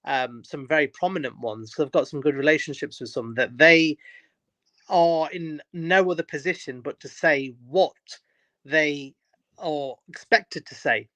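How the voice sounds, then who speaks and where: A man's voice: fairly high pitch, unhurried, pushed and bright, no echo. A man with an emphatic manner and many restarts, talking in a casual podcast chat.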